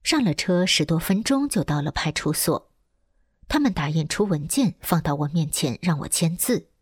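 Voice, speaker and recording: A woman reading a first-person testimony aloud in a steady, earnest way. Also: low voice, moderate pace, breathy edge, no echo, studio quality.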